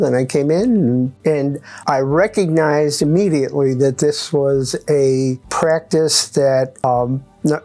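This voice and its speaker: Old guy in his 80s telling his story, stops and restarts a lot, counts off points, soft guitar behind. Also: a little high. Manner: halting, many restarts, lists points by number. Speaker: chiropractic patient. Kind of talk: testimonial interview.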